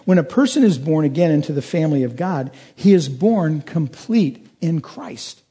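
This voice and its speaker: Mellow-voiced man preaching a sermon. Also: a little high, lively intonation, moderate pace, slightly rough. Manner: earnest preaching, rising to emphatic peaks. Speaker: pastor.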